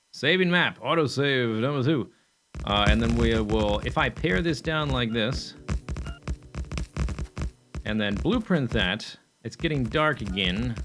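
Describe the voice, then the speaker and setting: A man's voice: mid-range voice, fairly bright tone. Man musing aloud over a factory game. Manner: thinking aloud, chatty, with fillers and self-corrections. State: hiccuping. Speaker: gameplay commentator. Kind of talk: casual let's play commentary.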